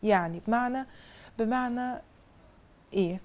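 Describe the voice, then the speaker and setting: A woman's voice: measured pace, dull audio. A woman with an Egyptian Arabic accent teaching a language lesson on television, explaining step by step in a colloquial way. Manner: drills syllables in a high sing-song, then explains in colloquial Egyptian Arabic. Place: television studio.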